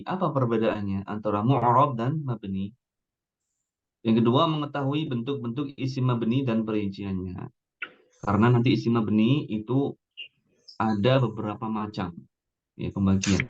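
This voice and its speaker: A man leads an Arabic lesson over a video call at an ordinary pitch. He corrects a student's intonation by saying the phrases back to him. The sound is dull and lo-fi. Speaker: Arabic teacher. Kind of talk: online Arabic class.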